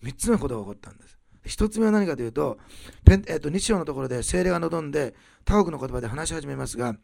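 A man preaching a sermon, rising loud on key phrases and dropping to soft, quiet asides. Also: on the high side, creaky, no room sound. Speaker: pastor.

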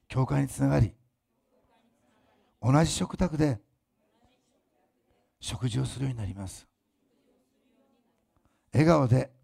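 A male pastor preaches a fervent sermon, his voice swelling loud for emphasis and dropping to soft asides meant for the congregation. It sits in the mid range and sounds creaky and husky.

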